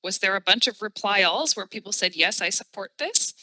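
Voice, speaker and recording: Woman commissioner, bright and animated, probing questions, close dry sound. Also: medium pitch, fairly quick, dry recording. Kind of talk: questioning procedure at a public meeting.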